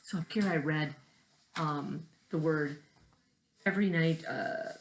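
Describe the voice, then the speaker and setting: A woman teacher reads a picture book aloud expressively, leaning on key words and asking the young children listening questions. Her voice is low-pitched and she takes it slowly, with a little hiss or hum in the background.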